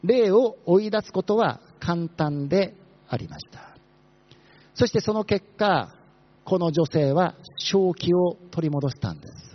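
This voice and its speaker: Male pastor, quick-tongued and animated, high voice, dull lo-fi recording. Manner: fast-talking, asks the congregation questions. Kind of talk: sermon.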